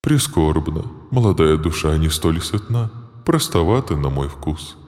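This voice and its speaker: A man voicing a huge, greedy female monster who feeds on souls, speaking slowly and gloatingly. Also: very deep voice, lively intonation, a little mellow, voice pushed down. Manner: slow, menacing, gloating. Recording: voice in a long reverb.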